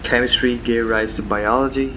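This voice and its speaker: A man giving a rambling philosophical monologue, musing haltingly with rhetorical questions and repeated phrases. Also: medium pitch, steady tone. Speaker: solo host of a philosophical talk. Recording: background noise with insect and cricket sounds.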